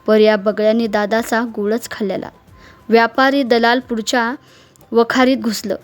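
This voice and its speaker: A woman narrates a rustic short story at a steady pace. Her voice sits slightly high, and soft music runs quietly behind her. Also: moderate pace. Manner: steady, dialect-flavoured narration.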